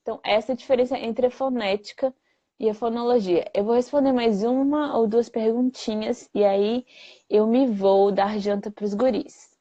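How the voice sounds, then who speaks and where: A woman, a speech therapist answering viewer questions in a lively, plain-spoken way full of rhetorical questions. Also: on the high side, normal speed. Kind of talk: live Q&A explainer. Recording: dull lo-fi livestream audio.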